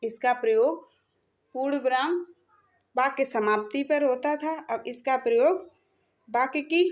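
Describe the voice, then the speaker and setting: Step by step and without hurry, a high-voiced woman teaching Hindi grammar repeats each point for her students. She slips terms into her explanation and keeps checking in with a habitual "theek hai."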